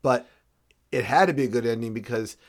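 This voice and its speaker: A man co-hosting a casual comic book discussion, animated and reading dialogue aloud. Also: mid-range voice, fairly quick. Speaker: podcast co-host.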